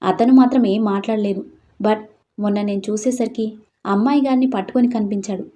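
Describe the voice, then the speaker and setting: A woman's voice: mid-range voice, steady tone, fairly quick, dark tone, lightly acted. A woman voicing a respectful male informer reporting to his boss in a storybook reading. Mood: deferential.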